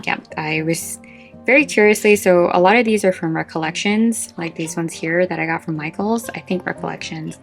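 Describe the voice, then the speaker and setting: A woman's voice: lowish voice, vocal fry, a bit bright. A woman chatting casually and informally as a vlog host, short of breath, meandering through asides as she shows off a craft collection.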